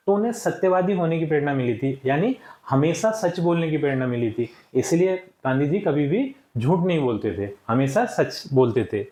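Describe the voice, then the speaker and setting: A male teacher walking young pupils through textbook answers, saying each word slowly for them to repeat and often checking in with "ठीक है". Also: on the high side, darkish tone, reverberant. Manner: slow and deliberate, checks in with frequent "ठीक है". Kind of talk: classroom lesson walkthrough.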